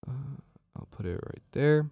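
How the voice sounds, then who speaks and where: A man works as a music production instructor, narrating a software tutorial step by step in an informal way. His voice is medium-pitched and animated, a little slow, and recorded dry.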